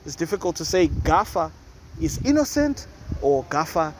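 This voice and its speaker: A chatty host with a high voice and big pitch swings speaks at normal speed, offering casual commentary full of opinions and rambling asides. The recording is noisy, with the neighbours' loud music and other noise close by.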